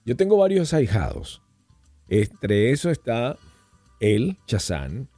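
Un hombre invitado a un pódcast, que cuenta historias de forma animada y coloquial, con muchas frases que se reinician. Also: male voice, mid-range voice, slow, dry recording, soft background music. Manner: animated, rambling storyteller with frequent restarts; colloquial, addresses host as "hermano". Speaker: podcast guest. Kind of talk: casual storytelling chat.

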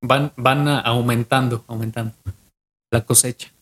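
On a relaxed podcast, a young co-host with a Mexican accent works through an old legend from memory, looping back and restarting phrases. His voice is middle-pitched, a bit bright, and measured, with fairly even intonation.

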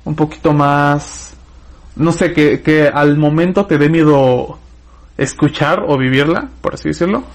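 A man with a Mexican accent and a voice sitting a bit high for a man. He hosts a casual chat and tells stories in a loose, rambling way, circling back to fill in details. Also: steady tone, a little slow. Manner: rambling, retells events in detail.

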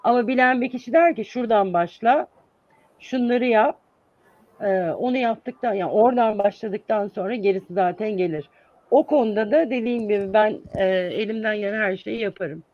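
A man's voice: high voice, a little fast, no room sound. Brief: male teacher, earnest and explanatory, hesitant fillers, muffled dry recording. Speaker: English teacher guest. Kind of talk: interview answers, explaining. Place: lives in the United States. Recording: dull, dry sound.

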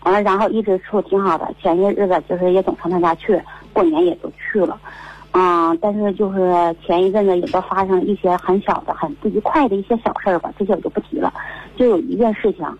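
A woman's voice: medium pitch, steady tone, quick pace, breathy edge. A woman, calling in to a radio advice show and telling her story with many fillers over a muffled line. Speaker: caller. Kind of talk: phone-in advice call.

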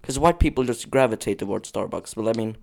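Young man, podcast co-host, animated pitch, excitable, laughs often, interrupts. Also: quick pace, vocal fry. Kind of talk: casual chat.

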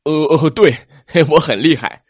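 A big, lonely T. rex who stutters and trips over his words, as a man puts him on. The voice sits a touch higher and louder than plain talk, in a dry, close recording. He sounds like a storybook dinosaur who is not used to being liked. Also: lively intonation, unhurried, slightly rough, no room sound. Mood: nervous. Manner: stammering, hesitant. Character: big lonely male T. rex, gruff but shy, fibs nervously.

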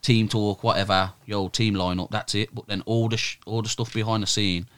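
A man's voice: fairly low pitch, fairly even intonation, fairly quick, fairly bright tone, smooth, no echo. A man with a British urban roadman accent, chatting casually and emphatically in heavy street slang as a football manager being interviewed. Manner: roadman slang, emphatic, repeated "bruv" and "innit". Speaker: Sunday league football team manager, interview guest. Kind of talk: casual, animated chat.

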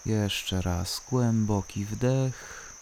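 A calm, soothing voice guiding a body-scan relaxation, unhurried and leaving long pauses between short instructions. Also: mid-range voice, slight background noise. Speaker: guided relaxation narrator. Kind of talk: slow guided body-scan meditation.

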